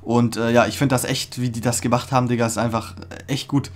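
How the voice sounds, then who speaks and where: A young man hosting a casual music reaction, talking in an excited, slangy way with many fillers and restarts, recorded in a small room. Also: mid-range voice, fairly quick. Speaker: reaction video host. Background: faint music playing.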